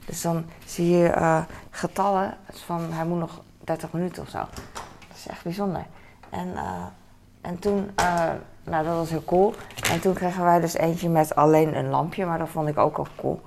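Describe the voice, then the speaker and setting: Gravelly Dutch-speaking woman rambling at home. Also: lowish voice, normal speed, a little mellow, slight background noise. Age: adult with a son. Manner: rambling, many fillers, talks to herself. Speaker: vlogger. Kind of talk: casual chat to camera. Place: home kitchen. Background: dishes and cutlery clatter.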